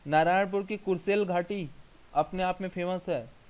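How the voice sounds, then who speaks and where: Man, high voice, teacher, slide lecture, repeats mnemonics slowly. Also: darkish tone, low-quality recording. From India. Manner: drills memory tricks, slow and emphatic repetitions. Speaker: exam coaching teacher. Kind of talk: slide lecture for exam revision.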